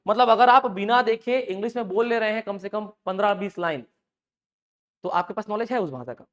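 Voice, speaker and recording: A man's voice: high-pitched, fairly quick, a bit bright, muffled recording. A man teaches a live class and talks easily to his students. He throws out a question, answers it himself and repeats the word so that it sticks. He mixes in homely examples and mild jokes. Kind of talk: live online class lecture.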